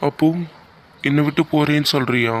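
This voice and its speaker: A man's voice: on the high side, steady tone, brisk, a bit bright, close to an everyday voice. A man voicing a young man who earnestly pleads with the woman he loves. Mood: pleading. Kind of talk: cartoon voice acting.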